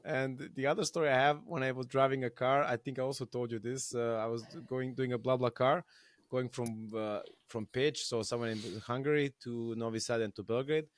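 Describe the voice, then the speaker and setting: A man's voice: medium pitch, steady tone, a little fast, no echo. A man hosting an interview, telling anecdotes casually with frequent fillers and laughs. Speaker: host. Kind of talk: casual interview chat, storytelling.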